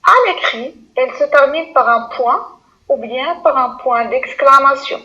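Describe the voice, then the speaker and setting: A woman's voice: high voice, a little slow, bright, forceful tone, lo-fi sound. A woman teaching a lesson to primary school pupils, speaking patiently, repeating words and addressing the class directly.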